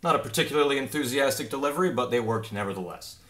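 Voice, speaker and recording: A young man in his twenties, a game developer, talks rapidly in a mid-range voice that sounds pushed and bright. He casually walks viewers through a demo at his desk in a small home office with a monitor. His manner is easygoing and explanatory, with plenty of filler words.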